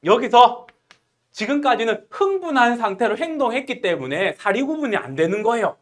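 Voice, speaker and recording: A woman's voice: a little high, normal speed. A woman teaching literature in an online exam-prep lecture, explaining animatedly and asking questions. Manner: animated, explaining with acted quotes.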